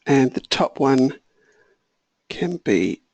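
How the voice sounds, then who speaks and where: A software trainer talks through a screen-share tutorial, thinking aloud in a relaxed way and making small self-corrections. His medium-pitched voice is slightly hoarse, he clears his throat, and he draws out words, with no room sound audible.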